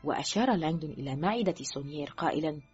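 A woman narrating a thriller audiobook in an expressive, scripted reading style, letting her voice drop low and quiet at the ends of sentences. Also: rapid-fire, husky. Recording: dull lo-fi recording with faint music.

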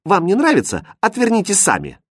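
Storybook princess, young, bored, cheeky, high-pitched, read by a man. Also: huge pitch swings, a little fast, slightly rough, no room sound, clean studio sound, heavily acted.

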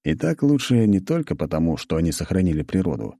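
A man narrating a first-person audiobook in an even, measured way. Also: deep voice, no echo.

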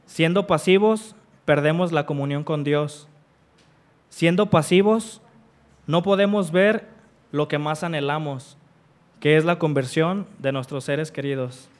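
A man preaching a sermon, stressing repeated refrains and reading scripture aloud with deliberate pauses. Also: a little high, clear, resonant tone. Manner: emphatic repeated refrains, rising on each.

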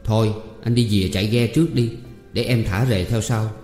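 A man with a Southern Vietnamese accent voicing a sharp-tongued young female servant, coaxing one moment and tart the next, in a storybook reading. The reading sounds like it was made in an echoey hall with faint music behind it. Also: on the low side, steady tone, normal speed, close to an everyday voice. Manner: coaxing, then tart and firm.

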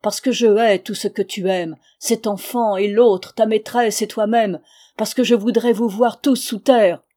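A shrill, insolent young peasant wife from a storybook, as a woman reading aloud puts her on. She spits out taunts in a loud, raised, higher voice. Beneath it the tone stays warm and mellow. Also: lively intonation, normal speed, hardly any pauses, lightly acted. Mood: raging. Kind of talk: audiobook character reading.

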